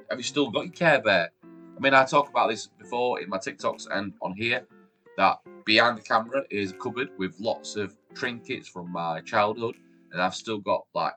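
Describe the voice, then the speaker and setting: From a room at home with shelves behind the camera, a YouTube host in his forties with a Yorkshire accent presents a casual countdown vlog. His chatty, upbeat delivery jumps lively in pitch and loudness, and a cold leaves him sounding chesty.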